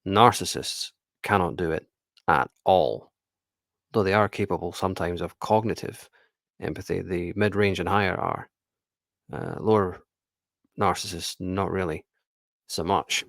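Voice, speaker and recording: A man's voice: sits low, measured pace, gravelly, long pauses, a bit bright, no room sound, clean studio sound. A man giving blunt, casual commentary on a reality show, swearing and laughing now and then.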